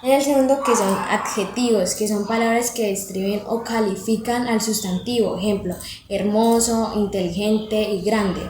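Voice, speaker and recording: A young woman reading a class presentation, listing examples in a slow, measured way with hesitant fillers. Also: mid-range voice, fairly even intonation, darkish tone. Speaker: student presenter. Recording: echoey room, faint background noise.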